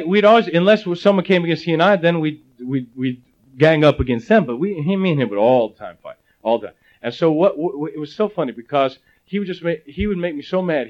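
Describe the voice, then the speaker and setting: A middle-aged male pastor from Ohio preaching a sermon, telling stories with jokey asides. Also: on the high side. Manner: animated storytelling, jokey asides. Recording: slightly dull lo-fi audio.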